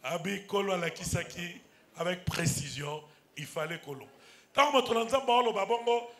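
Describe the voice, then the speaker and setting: High-voiced man giving a church testimony. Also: normal speed. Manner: lively storytelling, addressing fellow believers.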